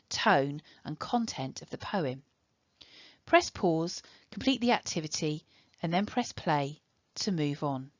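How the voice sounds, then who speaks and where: A woman with an English accent teaching a recorded online lesson, giving clear step-by-step instructions. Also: fairly low pitch, dry recording, muffled recording.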